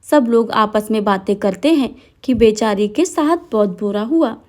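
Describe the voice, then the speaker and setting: A woman narrating a devotional folk tale in a steady, dramatic storytelling manner. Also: on the high side, normal speed.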